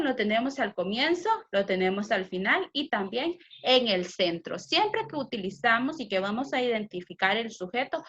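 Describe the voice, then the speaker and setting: A woman's voice: fairly high pitch, a bit bright, highs cut off. A woman teacher giving a recorded grammar lesson for children, explaining patiently step by step with example sentences. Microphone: computer mic.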